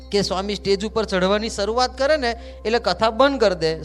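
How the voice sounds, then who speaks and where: A man, a monk telling a devotional anecdote in a lively, humorous way, acting out the dialogue. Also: sits high. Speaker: monk storyteller. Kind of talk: devotional storytelling.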